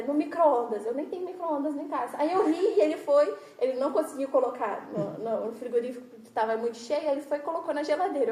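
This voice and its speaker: A woman's voice: high voice, dark tone, echoey room, low-quality recording. A woman with a Brazilian Portuguese accent giving a chatty, self-deprecating devotional talk to a church women's group, laughing often as she speaks.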